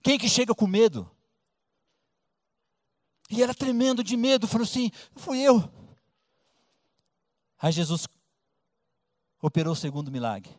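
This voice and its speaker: Brazilian pastor, high-pitched, dry close sound, lively colloquial storytelling sermon. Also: male voice, unhurried, long pauses, no echo. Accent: Brazilian Portuguese. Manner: colloquial, animated storytelling with acted-out voices.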